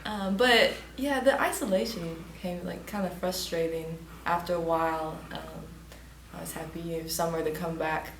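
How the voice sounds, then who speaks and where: Polite teen girl from West Tennessee, lowish voice, echoey room. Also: fairly even intonation, moderate pace, a little hiss or hum. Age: teens. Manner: polite, laughs nervously, says yes sir. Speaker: top-ranked graduating student.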